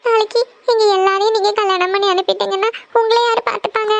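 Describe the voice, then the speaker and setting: A woman's voice: extremely high pitch, level tone, fast talker, gravelly, dry recording. A woman voicing a devoted young eldest daughter in a cartoon family serial, pleading insistently.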